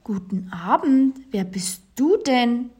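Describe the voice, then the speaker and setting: A woman voicing a small, eager girl witch from a storybook who talks high and breathless. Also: expressive, slow, a little mellow. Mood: pleading.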